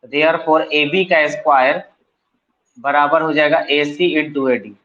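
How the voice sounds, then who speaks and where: A man with a Bihari accent teaches math in a coaching centre classroom, talking through each step in colloquial Hindi mixed with English terms and answering his own questions to the class. He has a fairly high, slightly bright voice with fairly even intonation and a slow pace. The sound is lo-fi.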